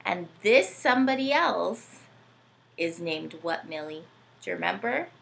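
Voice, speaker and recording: A lowish, gravelly female voice at a measured pace delivers a playful read-aloud and chat for young children. The host is animated and sing-song, often asking the kids questions.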